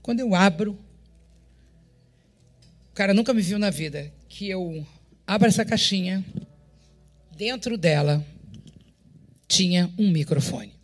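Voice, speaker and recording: Uma mulher com sotaque brasileiro prega seu testemunho diante da igreja, contando a história com muito drama e encenando cada diálogo. Ela ri com frequência e fala com energia. Ao fundo há uma música leve. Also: female voice, mid-range voice, measured pace, pauses often, soft background music. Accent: Brazilian Portuguese. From Brazil. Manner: animated, dramatic storytelling that acts out dialogue and often breaks into laughter. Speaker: pastor. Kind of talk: testimony preached to a congregation.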